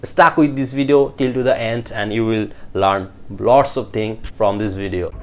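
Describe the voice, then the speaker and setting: Slow-spoken teacher. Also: male voice, lowish voice, heavy background noise. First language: Bengali. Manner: drills phrases by repeating them slowly. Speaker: English teacher. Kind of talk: spoken English lesson.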